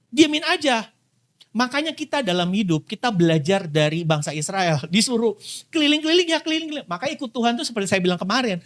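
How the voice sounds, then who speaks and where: A man preaching a sermon in a casual, playful way, acting out quick quotes and laughing along. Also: extremely high pitch, a bit bright. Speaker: pastor.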